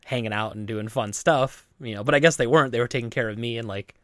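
A man's voice: medium pitch, quick pace, fairly bright tone, no echo, studio quality. A man in his late thirties, co-hosting a podcast in casual chat, rambling with many fillers and restarts. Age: 30s. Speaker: podcast co-host.

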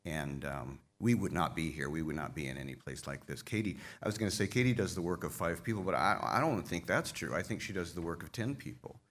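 A man with an extremely low, deep voice speaks from a conference stage microphone. He thanks his team in a heartfelt, folksy way, wry and openly emotional. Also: lively intonation, brisk, hardly any pauses, fairly bright tone. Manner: folksy, self-deprecating humor. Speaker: association leader addressing members. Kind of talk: conference speech thanking staff.

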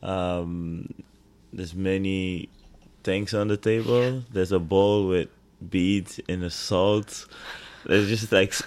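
Deep, slow-talking man, casual guest. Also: fairly even intonation. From Toronto, Canada. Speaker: podcast guest, comedian. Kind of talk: casual chat.

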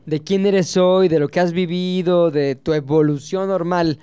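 A man's voice: high-pitched, steady tone, measured pace, mellow, clear, resonant tone. A man hosting a casual chat, prodding his guest with teasing, slangy questions.

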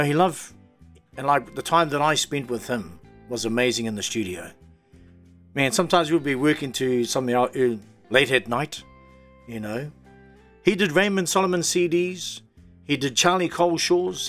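Male New Zealand radio host, middle-aged, emotional and unpolished, faint music bed beneath. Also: fairly high pitch. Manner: heartfelt, halting, with frequent "um"s. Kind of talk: emotional tribute talk on air. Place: radio studio. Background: soft music playing underneath.

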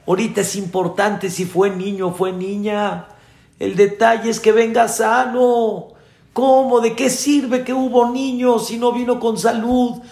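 A man's voice: high-pitched, steady tone, extremely slow, gravelly, few pauses, warm tone, reverberant, pitched above the performer's own voice, exaggerated voice. A man, acting out a distraught father during a sermon story. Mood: anguished. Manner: pleading, crying out in distress. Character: grown man, anxious worried father.

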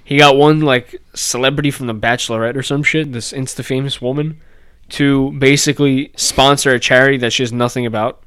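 A man of middle pitch tells a story in loose, animated podcast talk, full of fillers and the odd swear. His voice is smooth and resonant. The room is dry, with no echo. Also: brisk. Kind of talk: casual chat.

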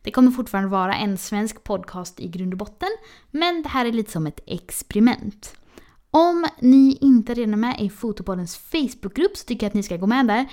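A woman's voice: medium pitch, darkish tone. A Swedish woman hosting a podcast, friendly, often laughing between questions. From Sweden. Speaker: podcast host. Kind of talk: podcast interview.

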